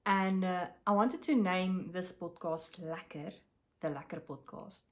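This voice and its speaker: A craft vlogger from South Africa, an Afrikaans first-language speaker, chats casually to camera about her craft projects with lots of pauses and fillers. Her voice is on the low side.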